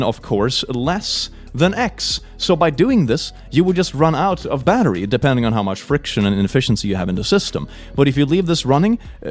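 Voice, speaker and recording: A young man with a Swedish accent doing a mock classroom lecture in a playful, sarcastic and rambling way, with sudden bursts of excitement. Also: medium pitch. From Sweden. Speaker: streamer. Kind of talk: mock classroom lecture, casual streaming chat.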